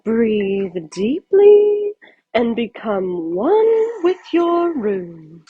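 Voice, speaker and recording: A woman voicing a soothing new-age female therapist in a children's storybook, with a breathy, meditative delivery. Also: a little high, very animated, very slow, dry recording, phone-quality sound, heavily acted. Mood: trance-like calm.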